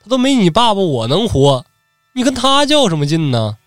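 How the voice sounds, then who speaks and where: A man's voice: fairly high pitch, huge pitch swings, slow, a little mellow, no room sound, clean studio sound, soft background music, exaggerated voice. A man voicing an old father who pleads with and lectures his hot-headed son. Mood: exasperated. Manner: pleading, exasperated.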